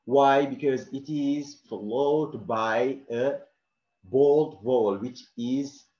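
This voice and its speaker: A man's voice: medium pitch, takes it slowly, darkish tone. A man teaching a pronunciation lesson at a board, saying each example word twice and checking in with "okay?" after each point. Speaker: English teacher. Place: classroom writing on a board. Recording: roomy, dull classroom audio.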